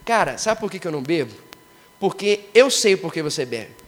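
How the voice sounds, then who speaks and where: Fast, high-voiced youth preacher. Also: male voice. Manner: slangy, excitable, acts out prayers in street talk. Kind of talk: energetic youth sermon. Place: large congress hall. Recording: reverberant hall sound.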